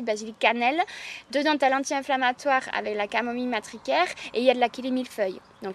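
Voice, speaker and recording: A woman with a southwest French accent from the Landes, an herbalist chatting enthusiastically in an interview and laughing often. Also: a little high. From Landes, southwest France. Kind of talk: casual interview chat.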